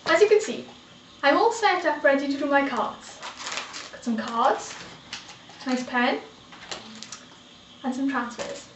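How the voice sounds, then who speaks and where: A woman's voice: high voice, animated, slow pace, pauses often. A young adult woman with a South Wales Valleys accent, presenting an amateur explainer video. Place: small computer room, living room and shopping streets. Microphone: camcorder microphone a few feet away. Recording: roomy echo with clear background noise.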